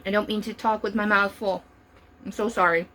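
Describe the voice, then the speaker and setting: A young woman hosts her own home cooking video, chatting eagerly as she tastes her snacks. Her voice sits at an ordinary middle pitch. Faint room ambience hangs behind her. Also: steady tone, fairly quick, a bit bright, a little hiss or hum. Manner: chatty and enthusiastic, talks while chewing. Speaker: food vlogger. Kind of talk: casual cooking demo and taste test.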